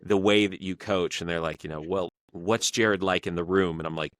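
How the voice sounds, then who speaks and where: A man with a very low voice hosts a podcast in a casual back-and-forth. He tells long stories in a halting way, full of fillers and restarts, and the sound is close and dry. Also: steady tone, no room sound. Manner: halting, filler-heavy storytelling. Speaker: podcast host.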